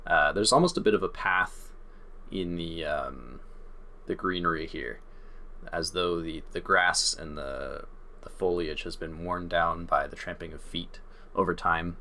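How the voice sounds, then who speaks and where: A man running a tabletop game as dungeon master over a voice call. He describes scenes in an easygoing way with hesitant fillers. His voice is very deep yet crisp and forceful. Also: measured pace.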